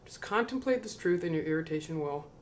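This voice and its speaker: Before a camera, a man reads a spiritual text and muses slowly between passages, second-guessing himself until he mumbles off. His voice is on the high side and animated, with a little hiss or hum in the audio.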